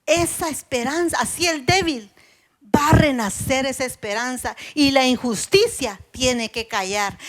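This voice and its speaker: A woman preaching an earnest sermon at a women's church service, slowing down to stress the scripture she quotes. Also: sits high.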